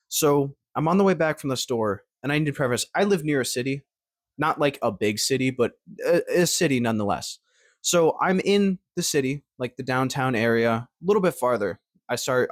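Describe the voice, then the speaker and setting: Here a twenty-something male vlogger spins casual stories for the camera in an upbeat, meandering style, restarting and using fillers a lot. He speaks at medium pitch, and the sound is clean studio audio without echo.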